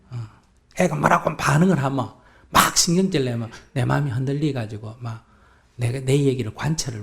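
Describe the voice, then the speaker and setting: A Buddhist monk with a Gyeongsang accent, animatedly answering a questioner in a live dharma talk and acting out both sides of conversations. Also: male voice, mid-range voice, gravelly. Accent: Gyeongsang Korean.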